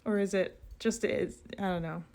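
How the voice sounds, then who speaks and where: Young gal streaming, chatty and giggly, just hanging out with chat. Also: female voice, mid-range voice, steady tone, moderate pace, creaky, a little mellow. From United States. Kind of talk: casual live-stream chat.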